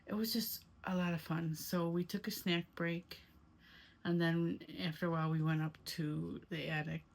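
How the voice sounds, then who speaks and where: A woman with a low-pitched voice that often drops into vocal fry. She talks in a casual, rambling vlog style, recounting things conversationally in the first person. Her intonation stays fairly flat throughout. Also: normal speed. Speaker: amateur paranormal investigator vlogger.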